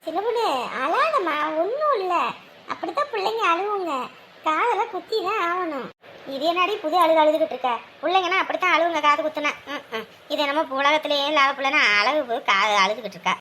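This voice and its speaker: A gossiping grandmother, played by an actress, with a very high, bright voice. She talks in a sarcastic, taunting way, always picking at others. Faint noise sits under the voice. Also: sing-song, fairly quick, full character voice. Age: older. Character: sharp-tongued gossiping village grandmother. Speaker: mocking older relative. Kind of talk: village family drama acting.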